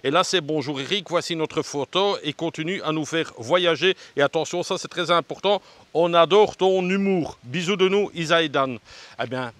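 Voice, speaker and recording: This man's voice is fairly high and fairly bright, at a normal speed, with no room sound. He's a travel vlogger strolling an outdoor ridge path, sweaty and out of breath, cracking jokes and addressing viewers head-on.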